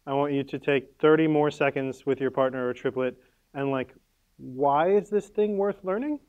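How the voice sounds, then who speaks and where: A man's voice: mid-range voice, moderate pace, a little mellow, clean tone, lo-fi sound. A man leading a conference workshop in a casual, upbeat way, full of "like" fillers as he gives the audience instructions. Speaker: workshop leader.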